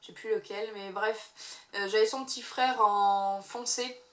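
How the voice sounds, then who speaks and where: A woman's voice: medium pitch, steady tone, a little slow. A young woman chatting casually about her favorite makeup, hesitating often with fillers. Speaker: beauty vlogger. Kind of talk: casual monthly favorites review. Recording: echoey room.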